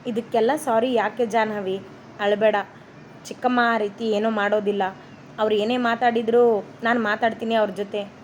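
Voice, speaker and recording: A calm, caring young husband from a read-aloud love story, talking gently and reassuringly, as a woman narrator voices him. His lines keep the light, slightly high voice of the reader. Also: moderate pace, a little hiss or hum, natural voice.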